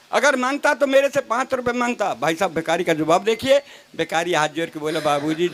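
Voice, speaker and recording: A very high, fairly bright male voice belongs to a stage comedy poet reciting comic poems. He tells stories with mock dialogue and teases his fellow poets, captured on a stage microphone with a live crowd audible behind him.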